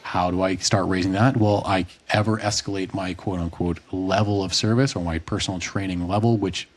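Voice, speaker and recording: A man's voice: low-pitched, fairly even intonation, fairly quick. A man in his late twenties or thirties, a fitness coach co-hosting a podcast, talking through ideas in long rambling stretches with restarts and the odd curse word. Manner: long rambling explanations, frequent restarts, occasional swearing. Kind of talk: casual podcast discussion.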